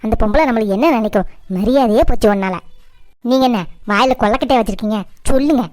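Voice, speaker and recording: A woman's voice: on the high side, quick pace, a little mellow, no room sound, natural voice. A woman playing a scheming, middle-aged Tamil mother-in-law in a cartoon family drama, nagging and complaining in a southern Tamil Nadu accent. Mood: indignant, scolding.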